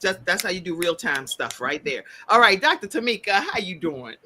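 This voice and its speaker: A woman's voice: lowish voice, very animated, moderate pace, pushed and bright. A woman hosting a talk show interview over a video call, bubbly and casual, laughing often and calling her guests "y'all.". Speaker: host. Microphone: video call mic.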